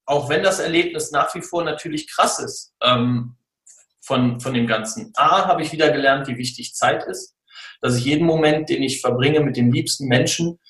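A man in his forties telling his own story in a casual interview, earnest and halting, with many fillers. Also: medium pitch, a bit bright, reverberant, poor audio. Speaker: guest, personality and sports mentor.

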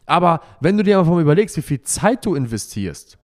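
A man's voice: a little high, big pitch swings, brisk, a little mellow. A young man in a brash, profane monologue, mocking and emphatic as he rants. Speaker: money and lifestyle talker. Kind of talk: provocative monologue.

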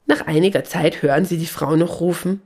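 A woman narrating a children's Christmas story in a calm, gentle way. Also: fairly low pitch, brisk, husky.

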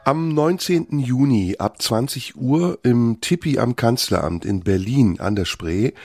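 A man's voice: mid-range voice, vocal fry, dry recording, clean studio sound. A middle-aged man co-hosting a comedy podcast in casual, playful banter. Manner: playful, slips into silly impressions and shouting. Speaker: podcast co-host.

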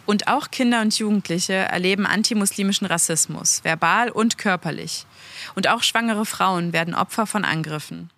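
A woman's voice: medium pitch, normal speed, fairly bright tone. A woman narrating a scripted report as a voice-over.

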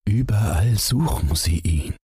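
A man voicing a worried, kindly middle-aged father in a storybook reading, speaking in a gentle, musing way. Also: lowish voice, expressive, a little slow, breathy edge, dry recording, clean studio sound, voice pushed up, heavily acted.

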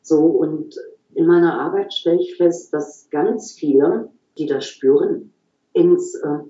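A woman talking calmly and reflectively as an interview guest, explaining her work at an unhurried, thoughtful pace. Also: low-pitched, roomy sound, dull audio. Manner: calm, explanatory, frequent "so" pauses. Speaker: guest, regression therapist.

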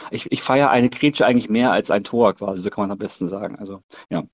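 A man's voice: lowish voice, quick pace. A man chatting casually as a podcast guest, hesitant and thinking aloud. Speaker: football fan as podcast guest. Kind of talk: casual chat. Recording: slightly dull, lo-fi sound.

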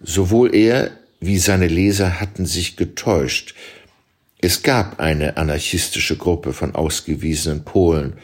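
A man reading a literary novel aloud as an audiobook, with measured, expressive storytelling. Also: sits low. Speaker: audiobook reader.

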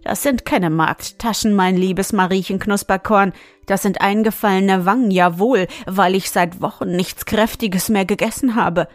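A woman voicing a grumpy, stingy male hamster farmer in a storybook reading, speaking gruffly, loudly and with constant complaints. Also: mid-range voice, steady tone, moderate pace, dry recording, soft background music, natural voice. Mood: grumbling.

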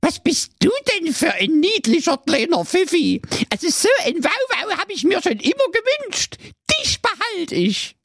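Brief: gushing sweet old granny, very high, sing-song. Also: male voice, wildly swooping pitch, measured pace, gravelly, fairly bright tone, no room sound, clean studio sound, full character voice. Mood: cooing. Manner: cooing, gushing.

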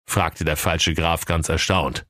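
A man narrating a comic fairy tale in a deadpan storytelling manner. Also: extremely low pitch, slow, no room sound, clean studio sound.

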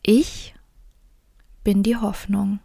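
Sweet little old lady from a fairy tale, comforting, tender half-whisper, slow n a bit gravelly, woman reading. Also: mid-range voice, little pitch movement, no room sound, studio quality, heavily acted. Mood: amused. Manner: gentle, tender, partly whispered. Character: kind little old woman who is Hope, gentle and comforting.

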